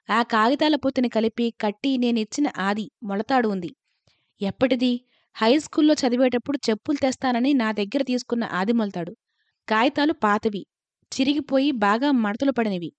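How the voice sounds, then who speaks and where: A woman reading a first-person story aloud in a calm, measured narration. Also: fairly high pitch, no echo, highs cut off.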